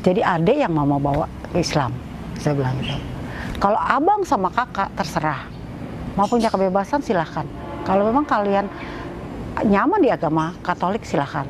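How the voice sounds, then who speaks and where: A middle-aged woman recounting her life story in an interview, speaking with heartfelt emotion. Her voice sits at an ordinary middle pitch but climbs sharply when feelings surge. A faint hiss of background noise sits under the recording. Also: sing-song, moderate pace. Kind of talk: personal testimony interview.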